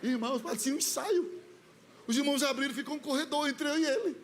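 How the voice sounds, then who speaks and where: A man with a Brazilian accent preaching a sermon as comic, lively storytelling. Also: very high voice, quick pace, a little hiss or hum. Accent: Brazilian Portuguese. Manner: lively, comic storytelling that mimics the voices he describes. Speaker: pastor.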